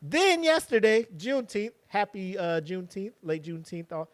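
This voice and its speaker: A man co-hosting a podcast in casual chat, animated and sarcastic, full of slang. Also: sits high, normal speed, dry recording. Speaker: podcast co-host.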